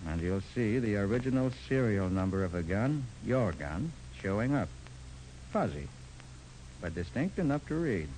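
An actor playing a confident, persistent detective with a firm, clipped way of explaining, in 1940s radio drama style. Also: male voice, fairly low pitch, very animated, normal speed, a little mellow, slight background noise, rough recording.

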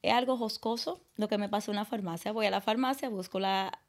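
Young woman guest telling a story, lively, acts out what people said. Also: mid-range voice, quick pace. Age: young adult. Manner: lively, acts out dialogue in quoted voices. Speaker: guest, mother. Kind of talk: personal storytelling in an interview.

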